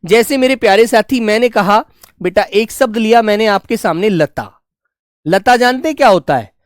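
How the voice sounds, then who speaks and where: A man's voice: high voice, expressive, moderate pace, dry recording, studio quality. Man teaching with affectionate, repetitive questions. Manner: affectionate, repetitive, keeps asking students questions. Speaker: Hindi teacher. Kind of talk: online Hindi grammar lesson.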